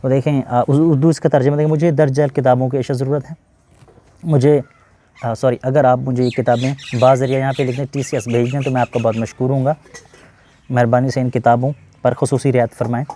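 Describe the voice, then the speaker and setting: A man's voice: medium pitch, level tone, brisk, dark tone, slight background noise. A man with a Pakistani Urdu accent, an English teacher patiently explaining a letter-writing lesson, switching between English phrases and Urdu explanations.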